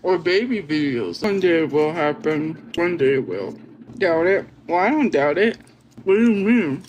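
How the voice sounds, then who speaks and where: A woman's voice: low-pitched, lively intonation, normal speed, a little mellow, a little hiss or hum. A woman streamer chatting casually with her viewers and reacting to their comments. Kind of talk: casual livestream chat.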